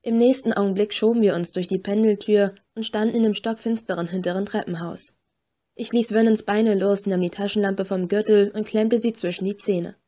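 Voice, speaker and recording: A woman's voice: medium pitch, steady tone, normal speed, mellow. Woman narrating a tense audiobook. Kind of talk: first-person scripted narration.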